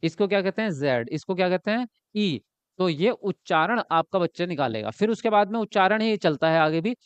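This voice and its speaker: A man's voice: sits high, expressive, fast, clean tone, dry recording. A man teaching an exam-prep lesson, asking questions and answering them himself, often ending points with a checking tag.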